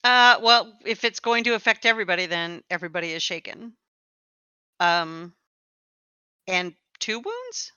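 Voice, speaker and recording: Woman game master, bright clear voice, unhurried, casual narration, slightly dull recording. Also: medium pitch, big pitch swings, no echo.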